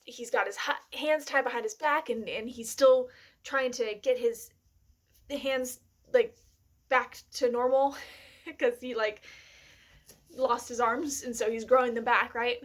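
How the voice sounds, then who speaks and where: A woman chatting casually to camera as a vlogger, rambling excitedly with lots of fillers and giggles. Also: a little high.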